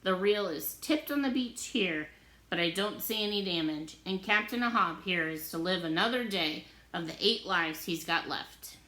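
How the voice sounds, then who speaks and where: Lady reading aloud doing an easygoing old fisherman guy, hearty and laughing easily, bright voice, echoey room. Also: on the low side, lively intonation, moderate pace. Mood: reassuring. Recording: roomy echo.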